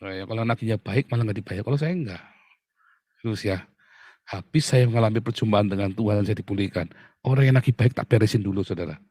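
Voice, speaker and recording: A male pastor, preaching in an animated, mocking way that swings from loud outbursts to low asides. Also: fast, dry recording, studio quality. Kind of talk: sermon.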